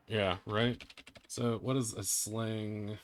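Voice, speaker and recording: A man running a tabletop role-playing game online, chatty and quick to laugh, often restarting his sentences. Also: fairly low pitch, level tone, slight background noise. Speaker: game master.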